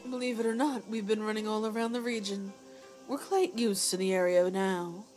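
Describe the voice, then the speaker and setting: A calm, well-mannered young lady voiced by a woman reading a game aloud, speaking in formal, measured phrases. Her pitch sits in a plain middle register, lower than the reader's own. Faint game music plays underneath. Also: close to an everyday voice. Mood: polite. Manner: courteous, measured. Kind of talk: voicing game dialogue aloud.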